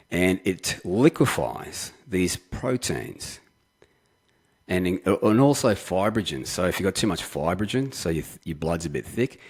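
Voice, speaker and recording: A man's voice: sits low, slightly rough. A man guesting as a health expert, explaining with confidence. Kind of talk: interview explanation.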